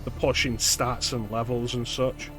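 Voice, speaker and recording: A man's voice: medium pitch, little pitch movement, a little slow, over music. A man streaming a video game, giving casual live commentary as he plays.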